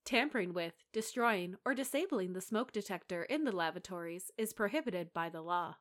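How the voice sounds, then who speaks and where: A woman's voice: fairly low pitch, lively intonation, moderate pace. A woman reading a scripted airline safety announcement in the formal, instructional manner of a flight attendant.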